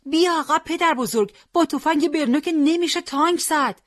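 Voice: medium pitch, very animated, dry recording. A firm young male commander, grieving but resolute, as a storyteller voices him. He gives urgent orders in a mid-range voice that rises sharply when he calls out. The sound is dry and close.

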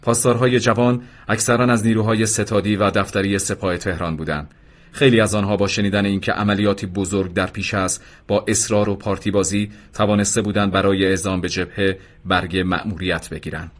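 A low-pitched man narrates an audiobook chapter in a calm, steady manner. He gives the quoted speech only a light touch and reads it as scripted narration.

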